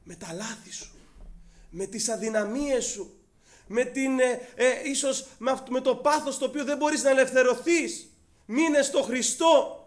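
A male preacher giving a fervent sermon, addressing the congregation as brothers, with frequent hesitant fillers. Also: very high-pitched.

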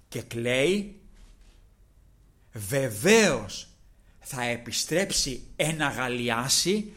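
A man preaching a sermon who swings between loud, impassioned exclamations and quiet, low asides, often breaking off to thank the Lord and to call out to his brothers. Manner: keeps repeating thanks to the Lord and addressing the brothers.

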